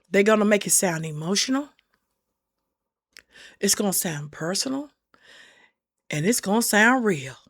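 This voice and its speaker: A woman's voice: medium pitch, fairly bright tone, no room sound, clean studio sound. A middle-aged woman giving earnest, folksy advice to camera, repeating her warnings for emphasis. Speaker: senior safety channel host. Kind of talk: casual advice talk to camera.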